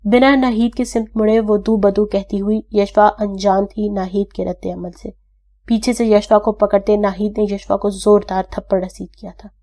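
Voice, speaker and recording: Mellow-voiced woman reading a novel aloud. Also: medium pitch, flat delivery. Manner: dramatic storytelling, shifting tone for dialogue. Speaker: audiobook narrator. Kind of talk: reading a novel aloud, voicing all characters.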